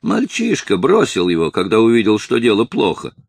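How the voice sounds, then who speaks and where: A man's voice: fairly low pitch, wildly swooping pitch, moderate pace, vocal fry, breathy edge, dry recording, full character voice. A man reading the part of a dismissive, grumpy omnibus conductor.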